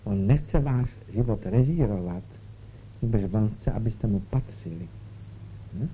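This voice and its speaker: A faint hiss and dull lo-fi quality mark this recording of a man preaching a spiritual talk. His lowish voice is warm and animated, and he keeps checking in with listeners via short questions.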